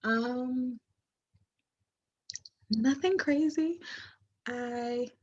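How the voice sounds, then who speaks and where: A woman in her early twenties, a student, speaking in a relaxed, offhand way over a video call. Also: on the high side, extremely slow. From Jamaica. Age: early 20s. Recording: dull lo-fi call audio.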